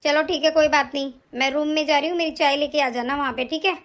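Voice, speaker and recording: A scheming rich aunt in a cartoon barks short orders, voiced by a woman. She speaks in a lower register than the other figures, curt and commanding, with a scolding edge. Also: fairly even intonation, fast talker, fairly bright tone. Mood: bossy. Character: scheming wealthy middle-aged aunt, bossy mother-in-law. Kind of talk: cartoon voice acting.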